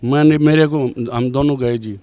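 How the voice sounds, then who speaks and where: A man's voice: mid-range voice, normal speed, warm tone, clean tone. An older man tells a personal testimony story in a rambling way, with many restarts. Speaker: devotee giving testimony.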